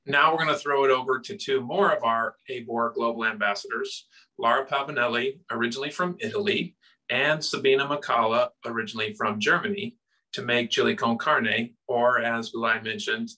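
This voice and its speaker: A man reading a presentation and introducing guests in a steady manner. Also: mid-range voice, brisk, poor audio. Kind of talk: read presentation.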